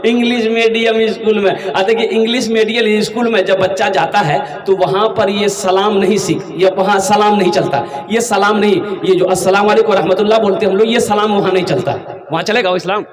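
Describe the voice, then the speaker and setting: A man's voice: high voice, fairly even intonation, fairly quick. A man preaching a humorous sermon to a gathering, calling out questions to the crowd and acting out village voices. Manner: acts out village voices in regional dialect. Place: large public gathering. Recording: echoey hall from far off.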